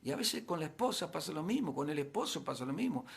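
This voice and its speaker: A pastor with a Rioplatense Spanish accent delivers a sermon in a high-pitched male voice. He presses his points with emphatic rises and frequent rhetorical questions. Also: sing-song, quick pace, creaky.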